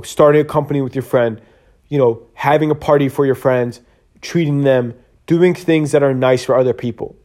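A man's voice: a little high, a little mellow. A man hosting a solo podcast, talking in an earnest, rambling way with many fillers and restarts, tired and yawning. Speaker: podcast host. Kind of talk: casual solo podcast monologue.

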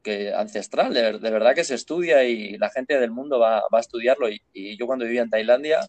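Relaxed host, dry sound. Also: male voice, mid-range voice, brisk, no room sound. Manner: relaxed, storytelling, repeats himself. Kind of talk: casual chat.

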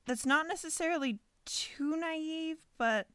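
A woman's voice: sits high, unhurried, a bit bright, no echo, studio quality. A woman co-hosting a casual podcast, chatty and laughing easily. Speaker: podcast co-host.

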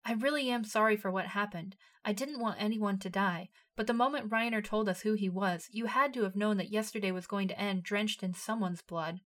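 A guilty young woman soldier, read by a woman narrator, speaks low and contrite. She is scheming by nature but sorry now, in a plain storybook voice. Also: a little fast, few pauses, fairly bright tone, lightly acted.

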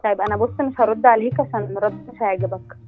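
A woman's voice: mid-range voice, racing. A young woman with an Egyptian Arabic accent, heard over the phone, working as a bank loans officer and firmly refusing a prank caller. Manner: firm, curt, keeps refusing. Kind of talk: prank call, phone conversation. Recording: dull lo-fi phone line with faint music.

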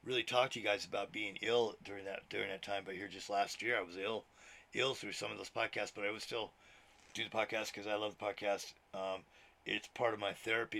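A sixty-year-old minister hosts his own podcast from home with the TV on, recorded on a laptop microphone. In a voice on the low side with a bright, forceful tone, he rambles casually in a chatty monologue, swearing now and then and laughing often.

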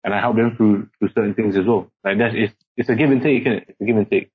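On muffled, lo-fi podcast audio, a young guest who grew up in Singapore talks casually with a British accent, switching in and out of Singaporean English. He speaks at a quick clip in a husky, fairly low voice, rambling and leaning heavily on fillers.

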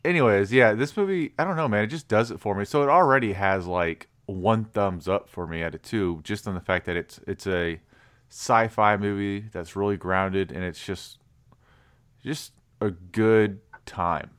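A man with a fairly low voice who chats in a loose, easygoing way, joking around and gushing about what he likes. He trails off and restarts his thoughts as he goes. This is an unscripted podcast conversation. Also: normal speed, a bit bright, smooth. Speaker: podcast co-host. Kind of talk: casual movie review chat.

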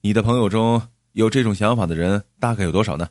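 A hot-headed office worker who gets indignant and demanding, pushing his voice louder and faster, as a storyteller puts him on. His low voice stays dry and close. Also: animated, no room sound. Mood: eager. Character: angry middle-aged office worker, short-tempered.

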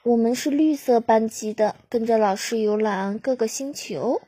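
A woman voicing a proud little green alien chick with teeth, cheerful and a bit boastful, in a breathy voice. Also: fairly high pitch, expressive, moderate pace, mellow, dry recording. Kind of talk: storybook reading.

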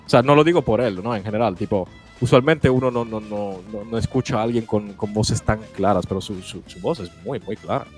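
Guest co-hosting a live stream, a man from Italy talks casually in a low-leaning voice at a brisk clip with few pauses. He laughs often and stumbles over his words, repeating them, with soft music audible behind him.

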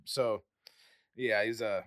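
A man co-hosting a casual chat about a novel, animated and swearing freely. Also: on the low side, takes it slowly, slight background noise. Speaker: podcast co-host discussing a novel.

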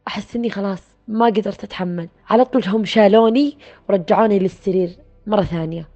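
A woman recounting a personal experience in a soft, reflective way, with pauses and restarts. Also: mid-range voice. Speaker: guest telling her story. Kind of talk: personal storytelling. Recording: dull lo-fi sound with faint music.

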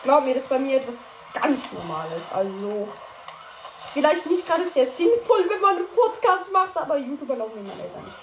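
A young woman with a high, sing-song voice talks fairly quickly, offering casual, playful commentary as she plays a game and often stumbling over her words. The recording sounds like an echoey, noisy room.

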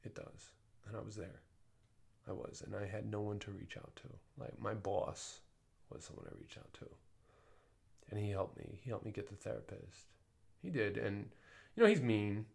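A man talking in a casual personal monologue as a podcast host, often swearing and full of fillers, dropping to soft mumbles and then rising to loud emphatic bursts. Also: lowish voice, normal speed, creaky, husky. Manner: frequent swearing and filler talk.

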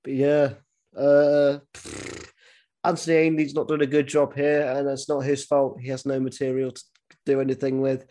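A man's voice: medium pitch, flat delivery, moderate pace, dark tone. A man hosting a casual podcast chat, talking animatedly with lots of swearing and false starts. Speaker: podcast host.

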